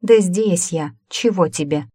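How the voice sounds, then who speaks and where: Female narrator as stubborn, sarcastic sister talking back, low voice, dry audiobook. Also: measured pace, dark tone, husky, dry recording. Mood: annoyed, defiant. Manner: argumentative, sarcastic.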